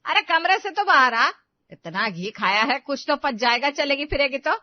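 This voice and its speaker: A woman's voice: high-pitched, animated, normal speed, no room sound. A woman voicing a stern, scheming middle-aged mother-in-law in a cartoon story, bossy and scolding, on dull, dry, lo-fi audio. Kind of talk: animated storybook voice acting.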